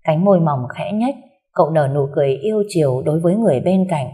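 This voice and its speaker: A woman narrating a romance story aloud in a gentle, steady storytelling manner. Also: low-pitched, fast talker.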